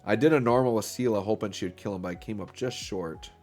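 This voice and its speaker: His lowish, slightly mellow voice comes quickly as this gaming host chats through his play with faint music in the background. He's upbeat, a bit stuffed up from being ill, and sprinkles in lots of "um" and "right?".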